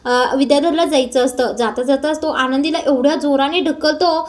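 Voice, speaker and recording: A woman narrating a casual recap of a TV serial episode in steady storytelling, with hesitation fillers. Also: high-pitched, normal speed.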